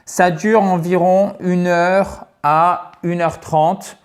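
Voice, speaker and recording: Middle-aged male English teacher, higher register, conversational to-camera promo, addresses viewers as friends. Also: steady tone, slow. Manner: chatty, keeps checking in with "ok?". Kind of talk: direct-to-viewer course promotion.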